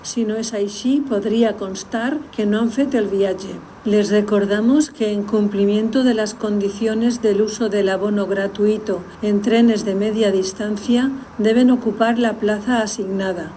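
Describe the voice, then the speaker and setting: A woman giving measured, formal station announcements over a station PA system. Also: mid-range voice, fairly even intonation, dark tone, slight background noise, low-quality recording.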